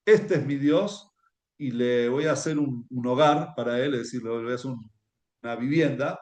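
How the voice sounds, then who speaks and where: A man with an Argentine accent giving a spoken Torah lesson with stories, in a halting way with many restarts, often checking with his listeners. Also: mid-range voice, darkish tone. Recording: echoey room.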